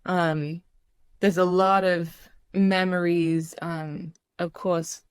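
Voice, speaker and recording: Podcast guest: middle-aged woman, lowish voice, thoughtful and unhurried, dry close mic. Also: little pitch movement, clean tone, no room sound. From UK islands. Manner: reflective, with frequent ums and restarts. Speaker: guest, clinical social worker. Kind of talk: casual podcast conversation.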